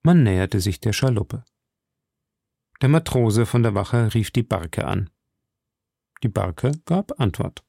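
Slow gravelly male storyteller. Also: on the low side, expressive, dark tone, no echo. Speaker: audiobook narrator. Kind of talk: scripted narration.

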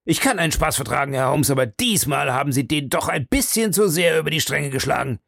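A blustering gentleman fumes in a broad West Country burr, put on by a man reading a story. He talks high and fast, in a gravelly, lively voice. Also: no room sound, clean studio sound. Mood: furious. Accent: broad West Country dialect (as told). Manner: furious, fast, shouting complaints. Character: angry blustering middle-aged country gentleman.

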